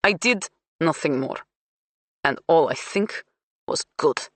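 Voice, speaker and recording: A woman's voice: sits low, lively intonation, slow pace, dry recording, heavily acted. A woman reading an audiobook, voicing a fierce, proud female suspect who speaks in clipped, broken English. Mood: defiant.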